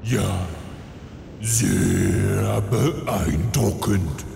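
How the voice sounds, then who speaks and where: Fantasy comedy villain: male actor, unimpressed and patronizing, lowish, gravelly, in a reverberant hall. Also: measured pace. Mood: bored, patronizing. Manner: deadpan. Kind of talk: scripted fantasy comedy dub. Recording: echoey hall, faint noise.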